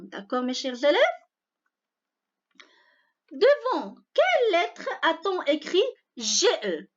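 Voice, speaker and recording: A woman teaching young pupils a spelling lesson, slowly going over each rule and checking again and again that they follow. Her voice sits high and swings widely in pitch. The recording sounds dull and lo-fi. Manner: slow, repeats each rule with frequent checks of understanding. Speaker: primary school teacher.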